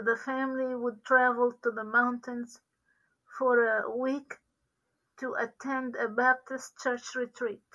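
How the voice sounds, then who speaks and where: A woman's voice: a little high, sharp tone, rough recording. A middle-aged woman from Lebanon, a guest giving an earnest, careful faith testimony.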